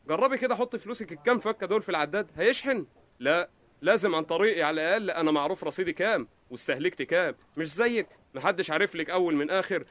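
A man's voice: high voice, dry recording. A man with an Egyptian accent voicing a cocky, hot-tempered electricity card in a comedy sketch. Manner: boastful, quarrelsome, fast talking.

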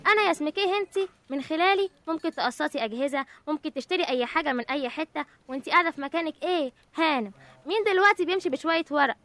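A woman's voice: high-pitched, lively intonation, rapid-fire, a bit bright, no echo. A woman with an Egyptian accent voicing a haughty, snobbish credit card who talks down to the others. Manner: condescending, taunting.

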